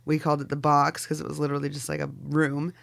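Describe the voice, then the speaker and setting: A woman's voice: sits low, completely flat delivery, fast, vocal fry. A woman in her forties from Oregon, a podcast guest talking in loose, casual chat full of "like"s and the odd swear word. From Oregon, Pacific Northwest. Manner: loose and chatty, many "like"s and fillers, swears casually. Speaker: podcast guest, fashion designer.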